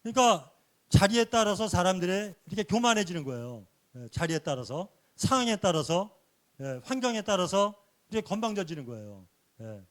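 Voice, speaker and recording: A man giving a sermon-like church lecture, earnestly explaining points and dropping a soft affirming "yes" between phrases. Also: sits high, very animated, moderate pace. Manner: earnest, explanatory teaching with rhetorical questions.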